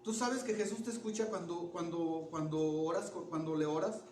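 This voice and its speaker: A man preaching a sermon in an animated way, asking the congregation questions and restarting words. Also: high voice, normal speed, a little hiss or hum. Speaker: pastor. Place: church. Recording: echoey church room from far off.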